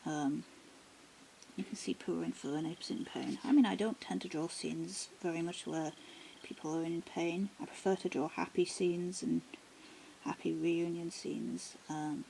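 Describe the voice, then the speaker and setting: Woman art vlogger, casual and rambling, soft half-whispered asides, fry-heavy voice over a noisy home recording. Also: fairly low pitch, measured pace. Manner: rambling, many ums and restarts; often drops to a half-whisper. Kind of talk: casual sketchbook tour. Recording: steady background noise.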